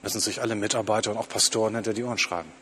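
A man preaching a sermon to his congregation, slowing down to stress quoted lines. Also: lowish voice, fairly even intonation, a bit bright, husky.

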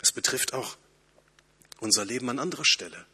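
Earnest male preacher with a bright, husky voice. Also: medium pitch, fairly quick. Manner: earnest, lively preaching that swings between emphatic and hushed. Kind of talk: sermon.

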